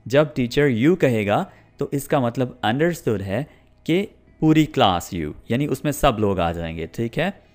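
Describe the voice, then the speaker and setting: A man teaching a spoken English lesson, explaining pronouns and saying each example sentence slowly and carefully. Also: medium pitch, a little mellow. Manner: slow, drawn-out model sentences between explanations.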